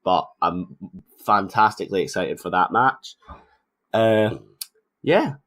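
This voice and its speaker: A man's voice: deep voice, animated, slow pace, a bit bright. A man hosting a wrestling podcast, chatting in a conversational, analytical way. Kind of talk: casual wrestling commentary chat.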